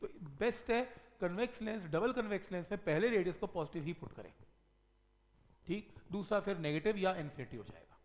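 High-voiced man lecturing at a whiteboard. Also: lively intonation, fairly quick. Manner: asks questions and answers them himself, stressing each key word. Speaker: physics teacher. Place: classroom studio at a whiteboard. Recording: long reverb in the room.

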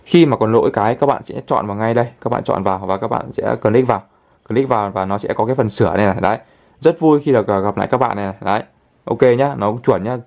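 A man hosting a casual app tutorial, chatting his way through each step and filling pauses with little pointer words. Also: fairly low pitch, gravelly, a little mellow. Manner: chatty, fills pauses with constant "đấy" and "đây". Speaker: channel host, tutorial presenter.

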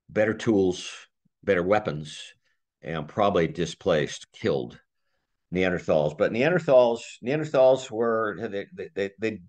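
Casting note: man, lowish voice, easygoing lecturer walking through slides, chuckles now and then. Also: a little mellow. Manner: conversational, thinks aloud with restarts and small laughs. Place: community talk room.

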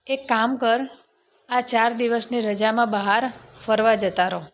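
A practical, concerned male office friend in a spoken storybook, offering advice, as a woman narrator reads him. The delivery is slow and fairly high-pitched. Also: fairly even intonation, highs cut off. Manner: concerned, advising.

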